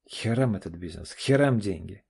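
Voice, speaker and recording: A man voicing a tired, tipsy middle-aged man with a gruff, confessional way of talking. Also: lowish voice, moderate pace, mellow. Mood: gruff, weary. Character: weary drunk man, middle-aged, lovesick.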